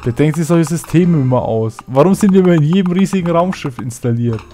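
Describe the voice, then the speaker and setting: A man's voice: on the high side, expressive, fairly quick, dark tone, slight background noise. A man casually commenting while playing a video game, with chatty, mumbling asides. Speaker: let's play gamer.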